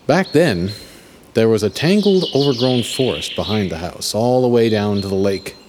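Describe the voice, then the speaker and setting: A man's voice: lowish voice, expressive, moderate pace, noisy background. A man narrating a first-person story in a reflective, wry manner. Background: music.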